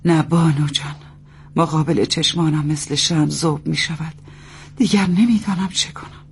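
A woman's voice: deep voice, creaky, slightly rough, full character voice. A woman playing a worried mother nursing her feverish son, who speaks in a pleading, formal way. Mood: despairing.

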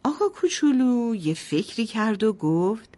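A woman's voice: a little high, sing-song, warm tone. A woman storyteller narrating a bedtime story to children in a sing-song voice, often addressing them directly.

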